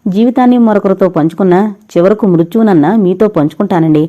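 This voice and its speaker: A woman's voice: medium pitch, fast, phone-quality sound, lightly acted. A woman reading a tearful pleading young wife. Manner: tearful, imploring. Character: grieving young married woman pleading with lost love.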